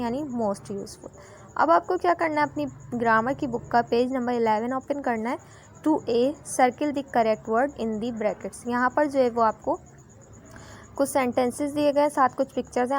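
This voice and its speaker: A woman teacher with a Pakistani Urdu accent gives a recorded grammar lesson, reading English example sentences slowly and carefully and then explaining them. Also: a little high, a little mellow, slight background noise.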